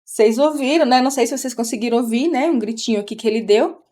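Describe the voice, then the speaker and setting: A woman's voice: on the high side, quick pace, warm tone. A middle-aged woman from Brazil, a mother chatting casually on a live stream and explaining things as she goes. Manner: chatty, explains while talking to her child.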